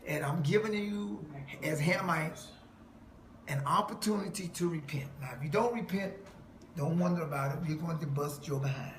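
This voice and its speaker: A man's voice: on the high side, moderate pace. A man delivering an emphatic preaching monologue to a listener, quoting scripture and laughing mockingly. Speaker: self-styled preacher. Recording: echoey room with faint noise.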